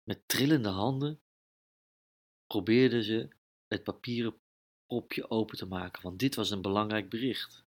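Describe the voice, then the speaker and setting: A man narrating a children's audio story in episodes, lively and dramatic with sound effects of his own. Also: fairly low pitch.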